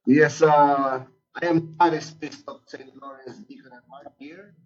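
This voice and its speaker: A man, a parish priest, talking over a video call that keeps breaking up, answering in a halting way with many pauses and restarts. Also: a little high, steady tone. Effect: breaking-up video call connection. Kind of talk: answering questions in an online interview. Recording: dull lo-fi call line cutting out.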